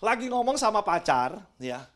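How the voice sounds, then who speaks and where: Middle-aged male preacher, high voice; chatty church sermon that mixes in English words and keeps asking the congregation for agreement. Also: sing-song, moderate pace, fairly bright tone. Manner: keeps asking the audience "right or not?"; chatty, drops English words into his talk. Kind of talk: lively youth sermon. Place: church with a congregation, also livestreamed.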